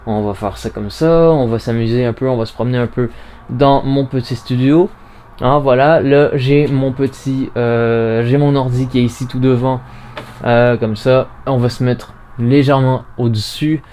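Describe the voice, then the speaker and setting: A man hosts an informal gear demonstration. His voice sits at a middle pitch, and he chats casually, narrating what he does step by step. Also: fairly even intonation, normal speed, mellow. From Canada. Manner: chatty, informal, narrates own movements step by step. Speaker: podcast host reviewing audio recorders. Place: small home studio and narrow hallway. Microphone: recorder's internal mic, later binaural in-ear microphones.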